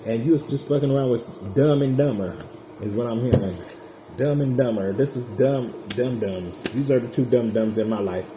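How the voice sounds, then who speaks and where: A man's voice: medium pitch, moderate pace. A man giving a casual tarot reading straight to his viewers, chatty, blunt and profane. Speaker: tarot reader. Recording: echoey room with background noise.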